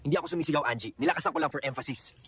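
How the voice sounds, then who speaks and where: A man's voice: a little high, racing, a bit bright, breathy edge, no room sound. An actor playing a playful young husband who banters with his wife in a romantic comedy film.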